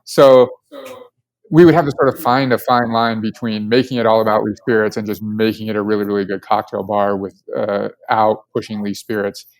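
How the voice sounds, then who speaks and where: A Colorado man, guest co-founder on a casual podcast, answers questions enthusiastically with many filler words. His fairly low voice has little pitch movement and a moderate pace, and the recording is rough.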